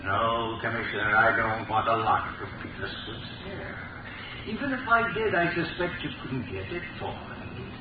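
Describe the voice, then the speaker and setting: A man's voice: medium pitch, normal speed, lo-fi sound, lightly acted. A man acting a mysterious, taunting crime-fighting phantom in a 1930s radio drama, suave and theatrical. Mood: taunting, sly. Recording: scratchy 1930s radio, distant, echoey, very noisy.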